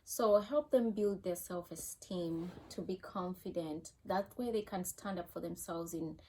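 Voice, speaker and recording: A woman's voice: fairly low pitch, measured pace, warm tone, slight background noise. Earnest Ugandan mother giving advice. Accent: Ugandan English. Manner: earnest, cautioning, repeats herself. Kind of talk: casual advice talk.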